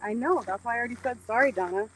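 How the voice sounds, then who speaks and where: A woman's voice: on the high side, a bit bright, a little hiss or hum, poor audio. Chatty joking woman vlogging outdoors. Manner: chatty, joking, quick to tease. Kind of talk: casual chat while walking. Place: outdoors at a historic site. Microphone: handheld phone camera.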